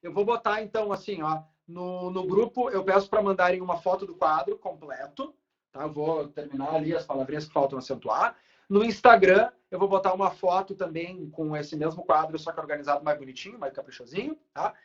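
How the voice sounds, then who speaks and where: A Brazilian man teaching a live online grammar class at a whiteboard, lively and checking in with students often. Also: sits high, a little fast, reverberant, dull audio. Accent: Brazilian Portuguese.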